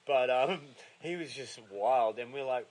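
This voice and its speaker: Australian bloke, mid-pitched voice, laddish bro talk, loose and sweary, casual storytelling between mates. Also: male voice, a little slow, a little mellow. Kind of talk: casual anecdote chat.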